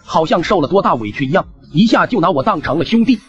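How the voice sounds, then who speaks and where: A man's voice: on the high side, expressive, fast talker, fairly bright tone, highs cut off, faint music behind. A young man narrating his own comic cartoon story in a chatty, wry way.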